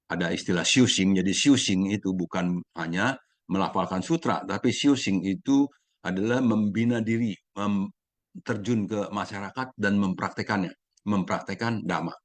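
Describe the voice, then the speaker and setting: Male Dharma speaker, very low voice, measured, hesitant fillers when explaining, dry sound. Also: no echo. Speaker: Buddhist Dharma sharing speaker. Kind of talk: Dharma talk, reading then explaining.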